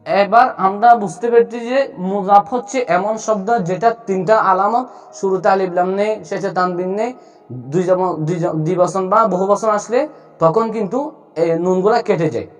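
A man's voice: high-pitched, steady tone, moderate pace, faint music behind. A man teaching Arabic grammar in a video lesson, explaining step by step and asking himself questions as he goes.

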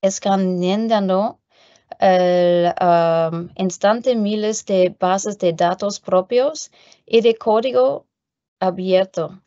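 Middle-aged woman presenter, in Spanish, slow careful reading, dull dry video-call sound. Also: mid-range voice, dark tone, no room sound. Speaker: guest presenter, corporate sustainability executive. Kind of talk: prepared business presentation in non-native Spanish. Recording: muffled video-call audio.

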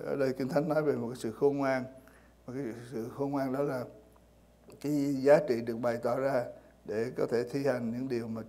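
In a church, a pastor delivers a sermon to his congregation with a warm, mellow voice of ordinary middle pitch. He speaks in a plain, unhurried manner, often pausing on fillers and repeating words while he looks for the next phrase.

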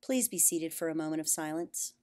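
A woman leading the pledge over a school intercom, reciting slowly and evenly. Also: low-pitched, mellow, faint music behind. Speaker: pledge leader.

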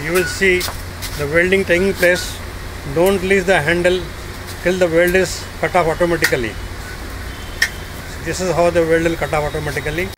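A man giving slow, step-by-step instructions while demonstrating a machine in a workshop. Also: on the high side, fairly even intonation. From India. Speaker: product demonstrator. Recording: noisy workshop recording.

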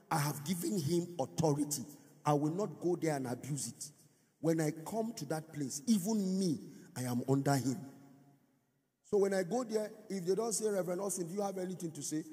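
A man's voice: a little high, dark tone, in a large hall. A male pastor preaching at a conference, driving his points with sung, rising phrases and call-and-response. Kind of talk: conference sermon teaching. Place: large church or conference hall.

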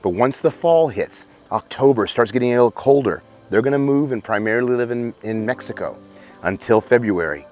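A man, hosting a wildlife show outdoors by a cave, presenting with excited, emphatic showmanship on a lapel mic. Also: lowish voice. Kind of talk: enthusiastic outdoor nature presenting. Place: outdoors by a cave in open country.

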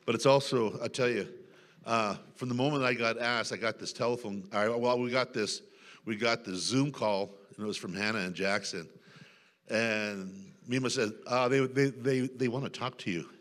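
A male guest pastor preaching a sermon in a church, leading shouted call-and-response with the congregation and often clearing his throat. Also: on the low side, fairly even intonation, normal speed. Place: church sanctuary.

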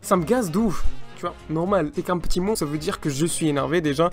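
A man's voice: on the high side, fairly quick, faint music behind. A young man doing a comic rant to the camera, mock-angry and full of slang, breaking into laughter. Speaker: comedy vlogger.

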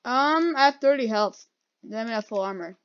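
A woman's voice: a little high, lively intonation, normal speed, clean tone. A woman giving casual gameplay commentary, her speech slightly altered by wearing dental retainers. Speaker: gamer hosting a playthrough. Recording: dull lo-fi mic, keyboard clicks.

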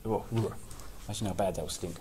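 With a low, mellow voice and a fast delivery, a man in his thirties reads a children's story expressively. He breaks off between passages for playful, chatty comments. The clip was made in a small, plain office-type room and carries obvious room noise.

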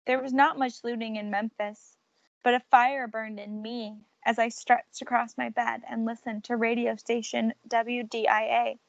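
A woman's voice: fairly high pitch, normal speed, gravelly, dry recording, dull audio. A woman reading a picture book aloud, telling the story expressively and raising or dropping her volume for drama. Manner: expressive, shifts loudness for drama. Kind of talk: read-aloud storybook narration.

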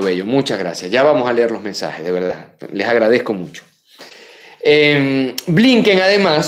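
Speaking with a Venezuelan Spanish accent, this political show host in his thirties has a mid-pitched voice and delivers punchy live commentary while reading viewer messages. He leaps up emphatically on key names and falls back to soft asides. A desk webcam records him in a room full of bookshelves.

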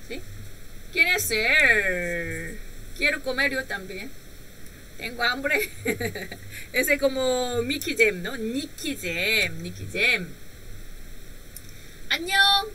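A woman whose first language is Korean leads a live-streamed language lesson. Her voice is very bright and a little high, with a lively, swooping pitch. She talks patiently and slowly through each point, often checking in with a questioning "right?". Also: a little hiss or hum, poor audio. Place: home room.

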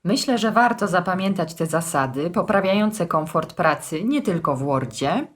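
A woman explaining grammar rules in a formal, measured way with touches of dry humour. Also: fairly low pitch, expressive. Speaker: text editor hosting a language series. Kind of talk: scripted language lesson.

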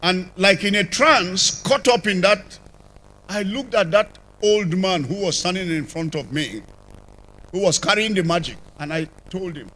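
Holding a microphone in a big church, an older man with a Nigerian accent preaches his conversion testimony as an apostle. He speaks unhurriedly in a high pitch, and his loudness rises and falls suddenly.

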